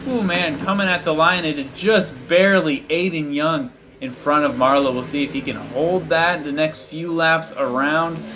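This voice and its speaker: A man's voice: fairly high pitch, moderate pace, few pauses, rough recording. A man giving live motorsport commentary in an informal, chatty, conversational way.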